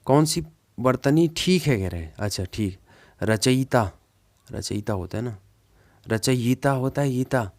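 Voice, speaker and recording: A male teacher works through exam questions in a relaxed, informal way. He repeats each word several times, drawing it out as he reasons toward the right answer. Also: medium pitch. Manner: repeats words slowly while working out answers; informal, says "yaar" to himself. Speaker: Hindi teacher. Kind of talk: exam-prep lesson, thinking aloud.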